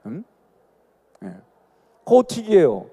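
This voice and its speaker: A middle-aged man with a Chungcheong accent preaches in a large sanctuary, his voice high and mellow. His delivery swings up and down as he tells folksy stories and jokes with the congregation. A long church reverb trails every phrase. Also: huge pitch swings, slow, slightly rough. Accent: Chungcheong Korean dialect. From Chungcheong Province, Korea. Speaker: guest pastor. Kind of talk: sermon with personal stories.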